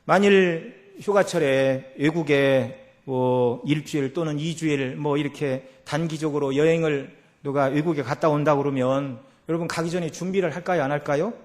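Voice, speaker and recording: High-voiced Korean pastor preaching. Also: male voice, normal speed, few pauses. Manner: rising to loud emphatic peaks, then dropping low; asks the congregation rhetorical questions. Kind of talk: sermon. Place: church sanctuary.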